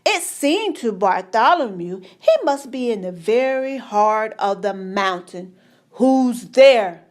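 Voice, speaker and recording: A woman reading a children's storybook aloud, measured and expressive. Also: medium pitch. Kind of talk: read-aloud storybook narration.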